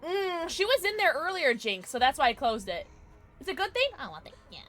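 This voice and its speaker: A woman with a cute, high anime-girl voice and a bright edge chats casually as she streams a game. Her delivery is playful and excitable, swinging widely in pitch as she reacts and talks to her viewers. There is a little noise behind her. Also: a little fast. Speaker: livestream host playing a horror game. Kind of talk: casual livestream chat and game commentary.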